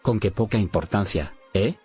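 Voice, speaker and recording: A gruff, hostile sea captain, read by a male narrator barks his contemptuous questions. The voice sits very low, and faint music hums beneath a dull, lo-fi recording. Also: moderate pace. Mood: scornful.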